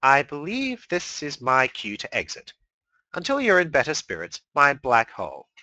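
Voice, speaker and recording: A man's voice: mid-range voice, huge pitch swings, normal speed, pushed and bright, dry recording, lo-fi sound, pitched above the performer's own voice. A man voicing a smug male chaos spirit with a sly, mock-polite drawl.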